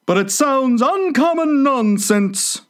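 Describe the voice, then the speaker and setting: A man voicing a melancholy, easily offended male mock turtle in a high strained voice. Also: expressive, takes it slowly, a bit bright, heavily acted. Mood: plaintive.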